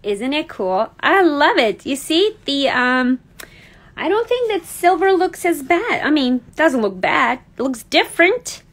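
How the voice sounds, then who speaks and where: Chatty high-voiced woman crafting. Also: sing-song, a little slow, a bit bright, a little hiss or hum, poor audio. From Serbia. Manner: chatty, thinks aloud, laughs easily. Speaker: card-making host. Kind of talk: casual craft demo livestream. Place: craft desk indoors. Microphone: overhead camera on desk.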